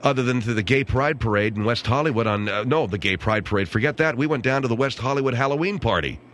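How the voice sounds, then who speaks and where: In a radio studio, an American talk show host with a mid-range, fairly bright voice speaks fast into a close studio microphone, rambling casually with a wry, grumbling, sardonic tone. Slight background noise can be heard.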